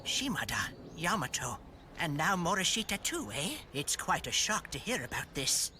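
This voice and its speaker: A man's voice: fairly high pitch, big pitch swings, normal speed, pushed and bright, a little hiss or hum, full character voice. An actor playing a polite, long-serving older male schoolteacher in an anime dub, reminiscing.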